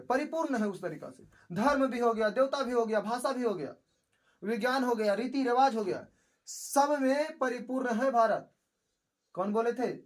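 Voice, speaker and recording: A young man teaching an exam-prep lesson, asking his own questions and answering them again and again. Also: very high-pitched. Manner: repetitive, quizzes himself with questions.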